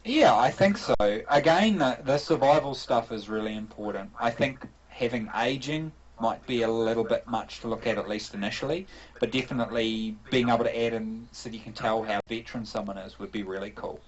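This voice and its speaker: Recorded with a muffled sound, a man speaks at normal speed in a mid-range voice with a New Zealand accent. He's a game developer handling casual interview questions over an online call, rambling thoughtfully and frequently restarting or filling pauses.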